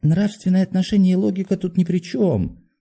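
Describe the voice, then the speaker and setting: Man doing a soft, meek middle-aged doctor. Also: high voice, brisk, gravelly, pitched above the performer's own voice. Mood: placating. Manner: soft-spoken, apologetic.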